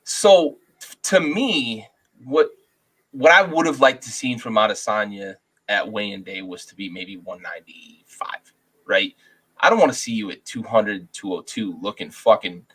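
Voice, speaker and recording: A man's voice: medium pitch, pushed and bright, husky, rough recording. A man co-hosting a casual sports podcast over a video call, rambling through his fight pick with lots of swearing and restarts. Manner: rambling, profane, restarts often. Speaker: podcast co-host, fight picker.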